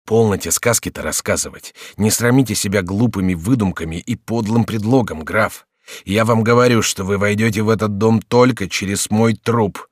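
A man's voice: on the low side, normal speed, no echo, studio quality, natural voice. A man voicing a stern, defiant male servant who guards a door, in an audiobook reading.

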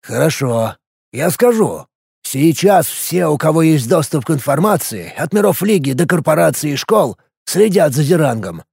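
A man's voice: on the high side, very animated, moderate pace, creaky, darkish tone, breathy edge, no room sound, studio quality, exaggerated voice. A man voicing an anxious male minister who pleads and grows agitated in a storybook reading. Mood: defensive.

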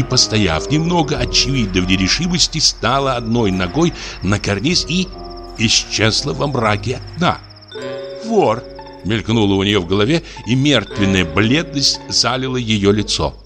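A man narrating a classic short story with an expressive, lively delivery. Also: fairly low pitch, normal speed, music in the background. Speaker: audiobook reader.

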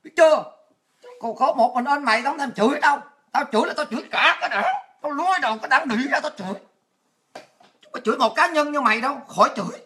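A woman, born in Vietnam, hosts a livestream talk show. She rants crudely and abusively in a sharp, forceful voice and keeps breaking into laughter. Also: high voice, expressive, quick pace.

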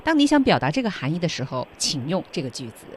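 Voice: mid-range voice, big pitch swings, fast, slightly rough. A co-host of an English lesson who prompts the teacher and sums up points for listeners. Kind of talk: radio lesson chat.

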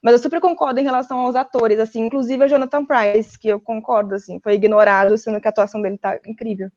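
A Brazilian woman giving animated, opinionated views as a panelist in a casual roundtable chat. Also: on the high side, quick pace. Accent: Brazilian Portuguese. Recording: dull lo-fi audio.

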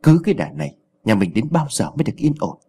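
A man's voice: sing-song, quick pace, dark tone, breathy edge, exaggerated voice. A man voicing a worried young village wife who scolds her husband in a raised, anxious voice. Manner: anxious, pleading, raised pitch.

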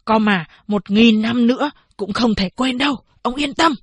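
A woman's voice: fairly high pitch, moderate pace, breathy edge, no echo. A woman voicing a timid male village clerk in an audiobook, meek and pleading.

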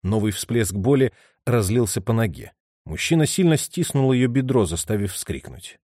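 A man narrating an audiobook story. His reading is expressive, with a lively, widely moving intonation. The recording is dry and close-miked. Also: on the low side, moderate pace, no room sound. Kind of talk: scripted narration.

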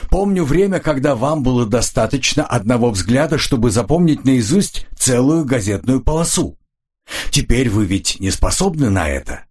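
A man voicing a cool, measured older colonel who questions calmly and dryly in an audiobook. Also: medium pitch, husky, pitched above the performer's own voice. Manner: calm, dry, probing.

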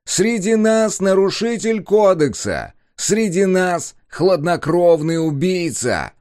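A man voicing a male announcer heard over a distant loudspeaker, proclaiming each word slowly. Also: high-pitched, sing-song, no echo, studio quality, pitched above the performer's own voice, exaggerated voice. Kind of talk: audiobook narration.

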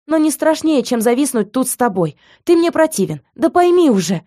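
A woman's voice: medium pitch, lively intonation, brisk, a little mellow, voice pushed up, lightly acted. A woman doing a defiant, mocking young heroine. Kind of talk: audiobook reading.

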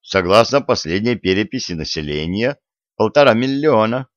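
A man's voice: on the low side, animated, normal speed, dry recording, close to an everyday voice. A man voicing a weary, exasperated modern journalist with a sarcastic manner, on a dull lo-fi recording. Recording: dull, lo-fi dry audiobook.

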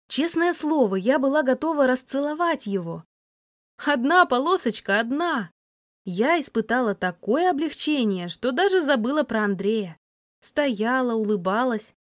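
A woman narrating a first-person novel as an audiobook, lively and voicing the heroine's sharp retorts. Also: on the high side, dry recording, clean studio sound.

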